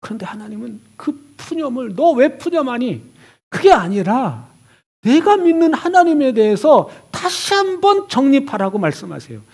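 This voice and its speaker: A man, a pastor, preaching a sermon with expressive delivery, voicing God and Elijah in turn and swinging from hushed to loud. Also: very high voice, normal speed, creaky, breathy edge.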